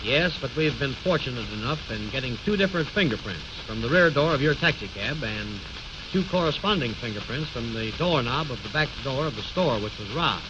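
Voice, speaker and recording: On a dull, noisy old radio recording, a male actor plays a composed lawyer. His medium-pitched voice is courteous and businesslike, with careful, formal wording that suits a straight man in a comedy serial. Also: expressive, natural voice. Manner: precise, formal, measured diction. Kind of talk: 1930s-40s radio comedy acting.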